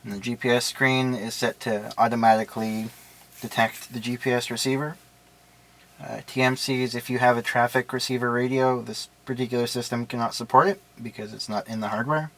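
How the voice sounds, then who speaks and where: Casually explaining a product step by step, a man speaks plainly in an everyday mid-range voice with a slightly bright quality. He keeps a steady tone and a fairly quick, unscripted pace.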